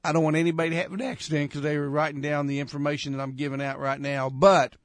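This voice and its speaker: A man's voice: on the high side, little pitch movement, fast, no room sound, clean studio sound. A man hosting a radio show, talking casually and rambling with many fillers.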